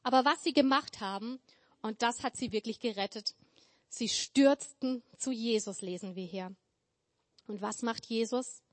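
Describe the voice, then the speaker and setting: A woman's voice: on the high side, moderate pace. Earnest woman preaching a sermon. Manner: earnest, repetitive emphatic phrasing. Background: church hall with tables.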